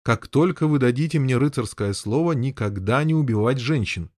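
A man doing a stern, calm noble knight. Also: mid-range voice, normal speed, no echo, studio quality, natural voice.

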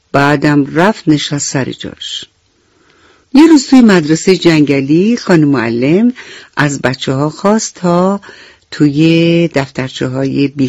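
A woman telling a bedtime story to children on the radio, gentle and affectionate as she talks to her young listeners. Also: low-pitched, no echo.

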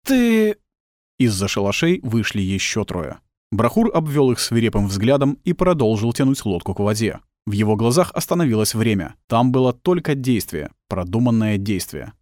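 A man narrating an audiobook in a tense, expressive storytelling manner. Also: fairly low pitch, moderate pace, dry recording. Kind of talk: dramatic scripted narration. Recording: dry close studio sound.

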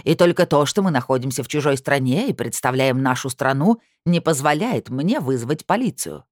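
A woman voicing a loud, indignant accusing woman. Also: extremely low pitch, lively intonation, normal speed, no room sound, studio quality. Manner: shouting, indignant. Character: indignant, shrill woman official, quick to accuse.

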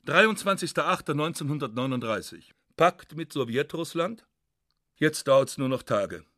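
A man narrating a literary radio reading in a measured, ironic first-person manner. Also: a little high, animated, pushed and bright, no room sound. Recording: dry studio.

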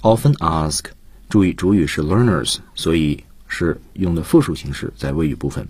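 Deep husky man teaching English grammar. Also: animated, moderate pace, a little mellow, dry recording. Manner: patient explaining of grammar, mixes English terms into his talk. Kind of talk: explanatory lecture. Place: radio studio.

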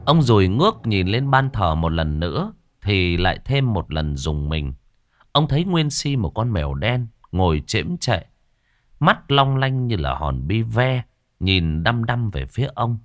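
A man narrating a ghost story in a dramatic, expressive storytelling manner. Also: fairly low pitch, a little slow, no echo, studio quality.

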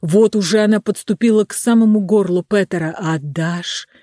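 An audiobook narrator reading a fairy tale in an even, measured way. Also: medium pitch, dry recording, studio quality. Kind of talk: scripted narration.

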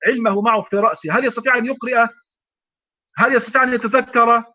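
Egyptian sheikh lecturing online, really high voice, muffled lo-fi audio. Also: male voice, steady tone, rapid-fire, pushed and bright. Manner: emphatic, repeats phrases, rhetorical questions. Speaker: sheikh teaching Quran readings.

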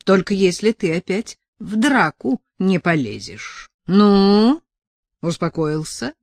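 A woman's voice: mid-range voice, animated, slow pace, a little mellow, no room sound, pitched above the performer's own voice. A woman voicing an awkward, polite man who speaks in a subdued, apologetic way. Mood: calm.

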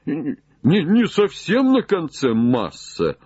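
A man voicing an old male servant, simple and sly, calling down in high drawn-out shouts. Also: huge pitch swings, breathy edge, dry recording, lo-fi sound, full character voice. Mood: wary. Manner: high drawn-out calls from far up a tree.

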